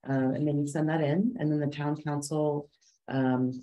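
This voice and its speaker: A man's voice: fairly high pitch, flat delivery, moderate pace, warm tone, dull audio. A man at a committee meeting, practically explaining the application procedure to a newcomer with frequent fillers. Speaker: committee member.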